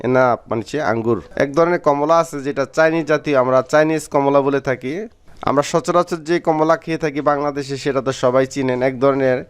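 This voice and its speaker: Clear-voiced man teaching vocabulary. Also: medium pitch. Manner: repeats each word slowly and clearly. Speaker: Arabic language teacher. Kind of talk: vocabulary lesson.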